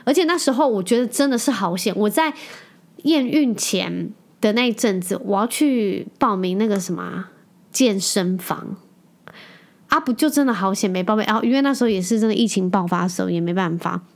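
A woman's voice: medium pitch, a little fast. Chatty woman telling a family story. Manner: chatty, animated storytelling with playful quoted voices. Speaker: podcast host. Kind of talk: casual solo chat.

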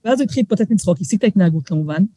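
Animated woman telling stories. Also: lowish voice, breathy edge, no echo. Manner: lively storyteller, acts out quoted voices, frequent restarts. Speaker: guest author. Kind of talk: casual podcast conversation.

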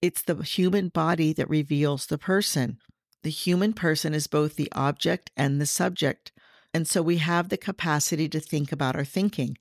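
A middle-aged woman hosting a faith podcast, sharing personal reflections in an earnest, gently teaching way. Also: low voice, normal speed, no room sound, studio quality. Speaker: podcast host.

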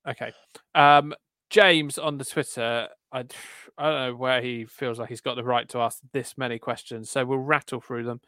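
A man's voice: medium pitch, steady tone, normal speed, sharp tone, clear, resonant tone, no room sound, clean studio sound. A man hosting a casual podcast, chatty and moving through listener questions. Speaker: podcast host. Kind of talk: casual chat.

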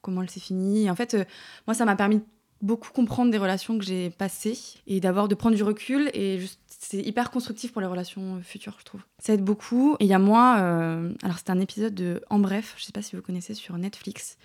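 A woman's voice: mid-range voice, fairly even intonation, fairly quick, darkish tone. A woman in her thirties chatting as a podcast guest, with many fillers and words that trail off to near-whispers. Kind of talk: casual interview chat.

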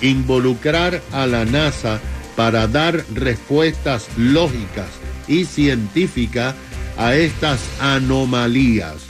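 Slow-paced man reading radio news over music. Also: medium pitch. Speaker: radio co-host. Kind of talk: radio news segment, explaining to co-host. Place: radio studio. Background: music bed.

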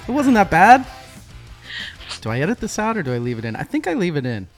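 A man's voice: high-pitched, wildly swooping pitch, quick pace, soft background music. A male podcast co-host asking interview questions in an upbeat way and laughing often. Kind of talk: casual interview.

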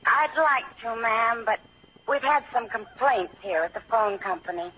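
A courteous telephone operator on an old phone line. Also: female voice, a little high, measured pace, breathy edge. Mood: polite. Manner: formal and courteous, steady and apologetic. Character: polite, patient female long-distance telephone operator. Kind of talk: 1940s radio acting. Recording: dull old radio broadcast recording with music.

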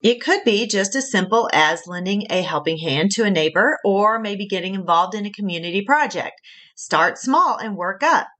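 A woman's voice: mid-range voice, lively intonation, normal speed, a bit bright. A middle-aged woman with a Southern US accent hosting a faith-based podcast, earnest and encouraging, laughing at her own slips. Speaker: podcast host and career coach.

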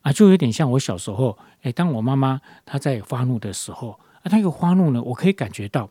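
Husky man sharing a devotional. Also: mid-range voice, expressive, a little fast, warm tone, no echo, clean studio sound. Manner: rambling, many fillers and restarts. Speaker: devotion leader.

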